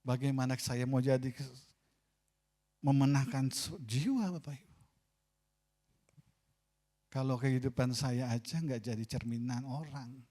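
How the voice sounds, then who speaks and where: A man with an Indonesian accent preaching a sermon as pastor in a church, swinging between loud, mocking asides and quiet, confessional lines. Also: medium pitch, steady tone, measured pace, long pauses. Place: church sanctuary. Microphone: pulpit microphone.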